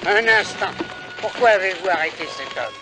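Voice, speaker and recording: Magistrate, TV adventure dub: high-pitched, indignant, formal, over music. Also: male voice, animated, moderate pace, low-quality recording. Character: indignant magistrate defending a prisoner. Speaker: town magistrate. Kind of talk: French-dubbed television adventure acting.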